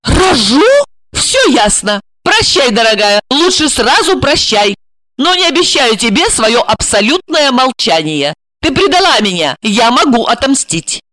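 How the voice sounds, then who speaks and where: A woman's voice: fairly high pitch, big pitch swings, measured pace, sharp tone, voice pushed up, full character voice. A woman reading an audiobook and voicing a stormy, jealous young woman who mocks and interrogates her friend. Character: fiery, jealous young woman, sharp-tongued.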